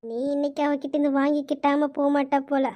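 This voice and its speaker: A doting old grandmother, played by a woman, with a high, light voice. She is affectionate and shy, and she gently scolds the grandchildren in a web drama. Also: completely flat delivery, fast talker, lightly acted. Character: fond, teary old grandmother. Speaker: grandmother character.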